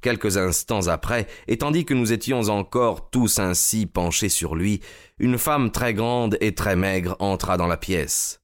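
A man giving a measured, dramatic scripted narration of a story. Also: fairly low pitch.

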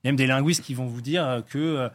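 A man's voice: mid-range voice, quick pace. Hesitant man explaining word origins. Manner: hesitant, many "euh" fillers and restarts. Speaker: guest linguistics enthusiast. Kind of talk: casual explanatory chat.

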